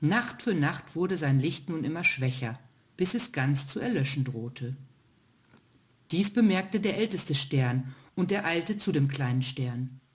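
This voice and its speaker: Casting: woman storyteller, low voice, calm scripted narration of a bedtime tale. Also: a little slow.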